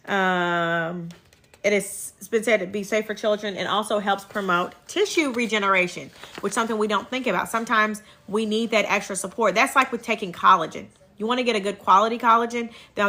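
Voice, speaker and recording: Bright-voiced Kentucky woman chatting on a livestream. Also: mid-range voice. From Kentucky, United States. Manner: folksy, chatty, often breaking off to thank viewers. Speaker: livestream host and herbal health seller. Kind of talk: casual livestream chat.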